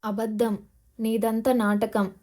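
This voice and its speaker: A woman's voice: a little high, level tone, slow pace, dark tone. A woman narrator voicing a menacing male gold smuggler boss, taunting and demanding, in an audio novel. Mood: harsh.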